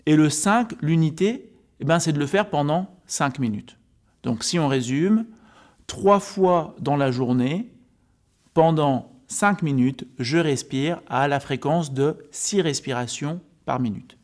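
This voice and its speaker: A man with a slightly high voice presents to the viewer as a coach. He explains methodically and informally, breaking each point into simple steps. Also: slow pace. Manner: didactic, step-by-step explaining, addressing the viewer informally. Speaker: health and sports coach presenting a video. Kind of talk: informal explanatory talk to camera.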